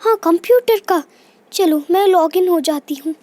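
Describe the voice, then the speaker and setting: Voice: very high voice, normal speed, a little mellow. A performer voicing Preeti, a cheeky, careless schoolgirl doll in a storybook tale who chats to herself. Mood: chatty. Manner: chatty, talks to herself. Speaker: daughter. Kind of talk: Hindi doll story voice-acting.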